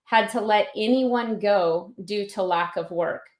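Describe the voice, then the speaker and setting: Polished woman giving a recruiter pitch, roomy echo. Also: measured pace, darkish tone. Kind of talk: scripted recruiting presentation. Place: indoor room on an online video call.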